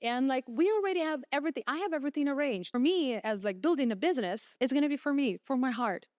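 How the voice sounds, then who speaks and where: A young woman from Ukraine with a Ukrainian accent, a photographer talking as a podcast guest in lively casual chat. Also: high-pitched, fast talker, no room sound, clean studio sound. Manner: animated, quotes people in lively put-on voices.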